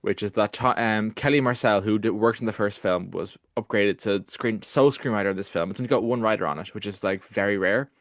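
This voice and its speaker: A man co-hosting a film podcast, arguing his take in animated casual chat full of restarts and fillers. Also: fairly low pitch, a little fast, few pauses, no room sound, studio quality. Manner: animated, argumentative, lots of restarts and "like". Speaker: podcast co-host.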